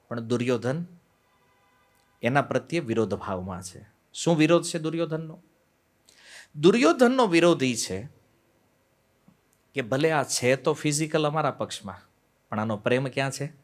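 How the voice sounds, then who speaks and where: A man gives a devotional lecture on scripture, telling stories, posing rhetorical questions and acting out the quoted voices. He swings between loud emphasis and quiet asides. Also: medium pitch. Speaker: devotional speaker on the Bhagavad Gita.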